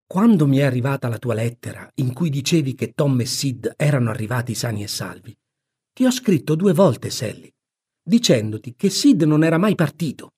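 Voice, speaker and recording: A man's voice: medium pitch, lively intonation, normal speed, dark tone, husky. A man voicing a stern, no-nonsense storybook aunt, commanding and reproachful.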